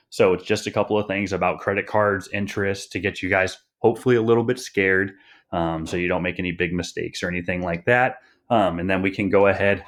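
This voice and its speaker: A young man teaching students in a recorded online lesson, rambling with many fillers and a bit out of breath. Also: sits low. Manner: rambling, many "um"s and "you guys". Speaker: high school teacher.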